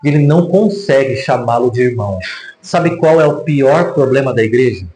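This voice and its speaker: A man's voice: mid-range voice, lively intonation, normal speed, mellow, a little hiss or hum. A man with a Brazilian Portuguese accent preaching a sermon, telling a story animatedly with many rhetorical questions, in a church hall. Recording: echoey room.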